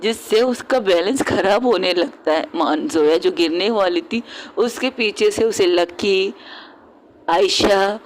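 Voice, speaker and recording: A woman's voice: medium pitch, takes it slowly. A woman narrating a love story as storyteller.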